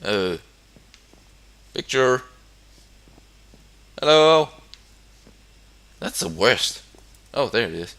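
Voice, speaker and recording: A man's voice: mid-range voice, sing-song, very slow, pauses often, fairly bright tone, clean tone. A young man from Denmark with a Danish accent, commenting casually on a building game. English is not his first language, and he hesitates with many fillers and restarts. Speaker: gamer.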